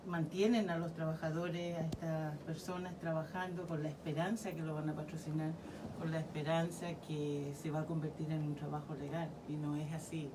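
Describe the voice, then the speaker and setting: A low-voiced woman with a Chilean accent explains legal steps in a calm, measured way. She sits a little away from the microphone, and noticeable background noise runs under her voice. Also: far from the mic. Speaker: community legal worker. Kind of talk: radio interview guest.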